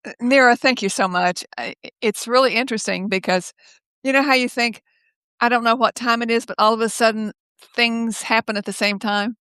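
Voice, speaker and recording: An older woman speaking as a guest over a video call from her home office, telling stories in a lively way, laughing often and acting out the voices of others. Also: fairly high pitch, fairly quick, smooth, no room sound. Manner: lively, laughs often, acts out quoted speech. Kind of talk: casual conversational storytelling.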